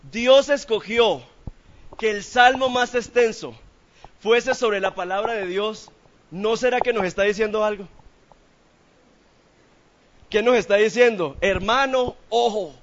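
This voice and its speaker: A man's voice: sits high, highs cut off. A man preaching a sermon in church, asking the congregation questions in a playful, colloquial way.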